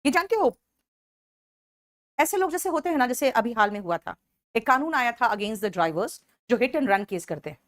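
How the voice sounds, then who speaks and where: A female teacher with a slightly high voice runs an animated exam-prep vocabulary lesson. She calls her students "beta" and slows down to dictate English definitions.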